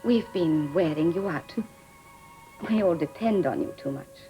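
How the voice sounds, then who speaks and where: An actress playing an eager, devoted young dress designer in a 1950s film, earnest and deferential. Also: female voice, lowish voice, animated, unhurried, mellow. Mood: earnest, caring. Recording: old film soundtrack with music.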